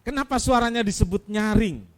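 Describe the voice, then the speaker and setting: Man, pastor, Indonesian accent, sermon, fairly high voice, loud cries then hushed asides, rhetorical questions. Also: brisk. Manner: swings between loud exclamations and soft low asides; addresses listeners as saudaraku.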